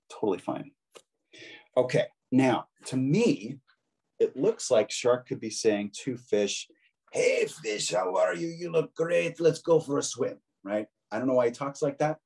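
A man's voice: fairly low pitch, warm tone. A man giving a casual, encouraging draw-along lesson, chatting with children as he draws. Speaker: drawing instructor.

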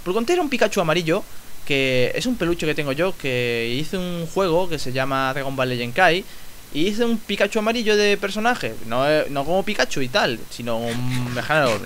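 A young man with a Spanish accent from Spain, commenting on his Minecraft play in an excitable, joking way and swearing freely. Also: moderate pace, low-quality recording. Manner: excitable, swears, jokes, sudden squeaky outbursts. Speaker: gaming YouTuber. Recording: faint hiss.

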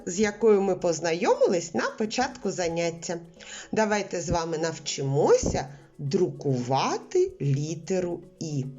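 A woman teaching a literacy lesson to preschool children, explaining slowly and clearly in a sing-song way. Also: mid-range voice, darkish tone, lo-fi sound.

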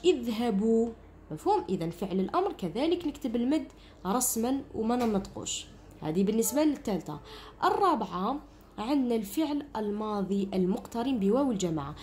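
Algerian lady teacher, quick and bouncy, mellow tone, keeps asking if the kids got it. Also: a little high, a little hiss or hum. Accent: Algerian Arabic. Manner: explains step by step, often asks "understood?". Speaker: primary school teacher. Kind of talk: online grammar lesson for children.

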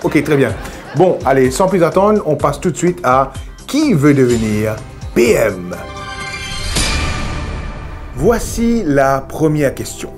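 A man in his thirties with a Mauritian accent, acting as a formal TV game show host who announces with drawn-out key words. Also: fairly high pitch, big pitch swings. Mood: formal, upbeat. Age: 30s. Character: smooth, eager male TV game show host in a parody. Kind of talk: game show host presenting in a sketch comedy. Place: TV studio set. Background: game show music.

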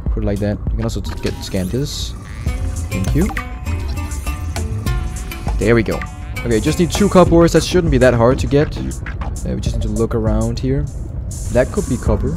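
A man doing casual gameplay commentary, thinking out loud in an excitable, repetitive way. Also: lowish voice. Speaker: gamer, let's player.

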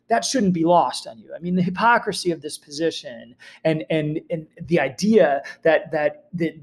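A man's voice: fairly high pitch, darkish tone. A man teaching a recorded history lesson over slides in a conversational, emphatic way, asking rhetorical questions. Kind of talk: recorded classroom lecture.

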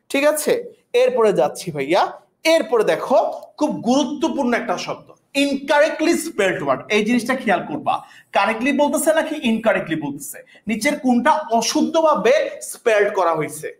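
A woman's voice: fairly high pitch, big pitch swings, fast. A woman teaching a vocabulary class, repeating each word and often checking that students understand. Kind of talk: online class lesson.

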